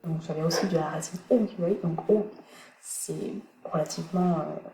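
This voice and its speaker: A woman teaching English pronunciation in a recorded online lesson, thinking aloud with many pauses as she searches for words. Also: low voice, dark tone. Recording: echoey room, faint background noise.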